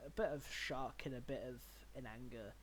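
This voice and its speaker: Rambling young game master. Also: male voice, mid-range voice, normal speed, a little hiss or hum. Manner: rambling, filler-heavy, laughs at his own narration. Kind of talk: narrating a tabletop game.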